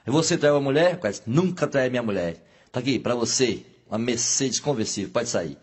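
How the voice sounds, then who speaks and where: Husky man telling jokes. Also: lively intonation, moderate pace. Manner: jumps into high exaggerated voices for characters. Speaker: joke teller. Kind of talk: telling jokes to a live audience.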